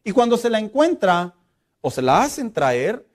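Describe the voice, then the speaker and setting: A middle-aged male pastor, preaching a lively, humorous sermon and acting out quotes. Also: sits high, moderate pace.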